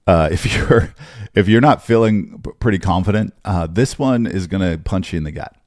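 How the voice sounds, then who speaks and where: A man hosting his own podcast as a business coach, talking in an energetic, chatty way and laughing often. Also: low voice, moderate pace, no echo, clean studio sound. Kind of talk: casual podcast monologue.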